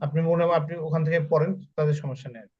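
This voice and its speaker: A man with a fairly high voice teaches an online Quran reading class. He spells out each letter and repeats every sound slowly and patiently for his students. His voice comes through as a dull, muffled call recording. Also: fairly even intonation. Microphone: online call audio.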